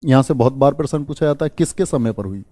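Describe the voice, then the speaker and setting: A man teaching an exam-prep history lesson, speaking softly and drilling facts with repeated questions and memory tricks. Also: mid-range voice, expressive, quick pace, dry recording. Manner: speaks softly on purpose to spare his throat; addresses students as "bhaiya". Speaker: history tutor.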